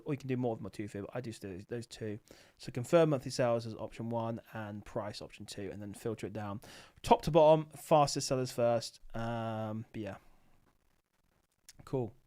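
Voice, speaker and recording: A man's voice: mid-range voice, moderate pace, darkish tone. Tired man rambling on a livestream. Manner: rambling, filler-heavy, thinking aloud. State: tired, sleepy. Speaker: livestream host, Amazon seller. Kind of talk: casual livestream chat.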